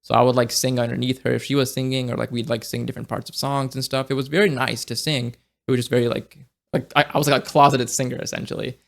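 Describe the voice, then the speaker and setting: A young man talks casually and relaxedly in a gravelly, fry-heavy voice of middling pitch. Thinking aloud, he often stumbles over his words, halting and restarting with many fillers as he reflectively searches for what to say.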